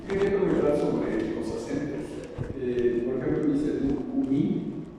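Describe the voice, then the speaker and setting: A student, a man with a dark, mellow voice, speaks up from far back in a lecture hall. He explains his point with careful examples. His voice comes through with strong echo and a long reverb. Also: fairly high pitch, expressive, unhurried, a little hiss or hum. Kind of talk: classroom question. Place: university auditorium. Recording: distant voice in an echoey auditorium.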